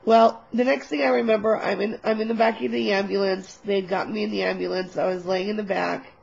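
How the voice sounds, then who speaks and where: A woman vlogger telling a personal story in a casual, animated, candid way, swearing now and then, on a webcam mic. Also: mid-range voice, fairly quick, gravelly, husky, highs cut off.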